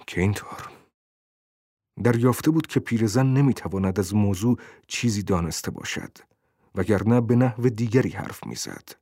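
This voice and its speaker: A male audiobook narrator with a fairly low voice, telling the story in a steady, measured way. The recording is dry and close to the mic, with no room sound. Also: no room sound. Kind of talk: scripted narration.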